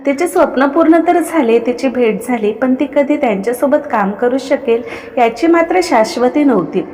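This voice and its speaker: A woman narrating a story with an expressive reading. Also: high-pitched, moderate pace. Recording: long reverb.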